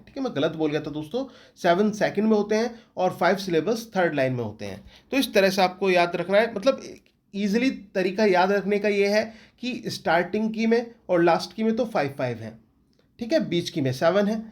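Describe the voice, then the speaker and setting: A man with an Indian accent who teaches English literature, giving an exam-prep lecture and often repeating questions back to his students. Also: sits high.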